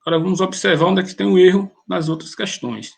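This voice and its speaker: High, gravelly teacher. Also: male voice. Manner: methodical, pauses and restarts mid-phrase. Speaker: grammar teacher. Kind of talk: explaining exam questions.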